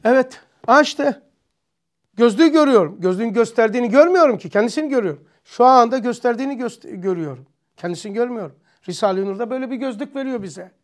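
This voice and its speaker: A man's voice: very high voice, lively intonation, fast talker. Man musing through a religious lesson. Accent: Turkish. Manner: musing, asks himself questions aloud. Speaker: religious study teacher.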